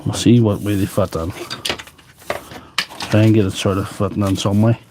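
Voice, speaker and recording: A tool repair livestreamer with a wheezy, lowish voice talks to viewers in a rambling, chatty way as he repairs tools in his workshop. His intonation stays fairly even at a moderate pace, recorded on a nearby stand mic against a noisy background.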